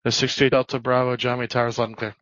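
Fast-talking male air traffic controller. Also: medium pitch, little pitch movement, a bit bright, no echo. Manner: clipped, businesslike. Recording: slightly muffled radio audio.

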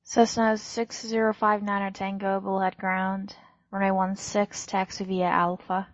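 A woman giving clearances as an air traffic controller in clipped aviation phraseology. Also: mid-range voice, flat delivery, unhurried, no room sound, muffled recording.

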